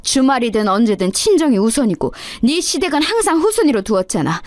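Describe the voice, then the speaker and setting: An indignant older mother-in-law, as a woman puts her on in a radio story, scolding in an accusing tone. The voice sits high and rises and falls sharply. It is recorded dry and close. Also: big pitch swings, fairly quick, no room sound.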